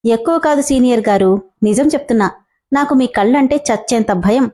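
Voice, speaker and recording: A woman's voice: fairly high pitch, brisk, dark tone, natural voice. A woman voicing a playful, teasing male college student in a spoken storybook. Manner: teasing, mock-scared, light.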